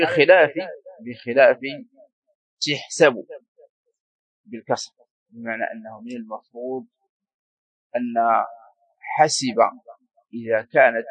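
A man's voice: mid-range voice, no echo. A man teaching a classical Arabic grammar lesson, explaining patiently, repeating forms and prompting a student to continue. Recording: slightly dull lo-fi recording.

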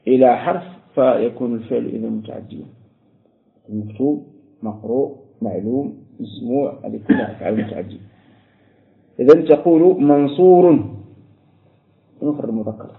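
A man teaching a grammar lesson to a class, explaining each step and repeating words slowly while he quizzes his students. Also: medium pitch, creaky. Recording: echoey room over a phone-like line.

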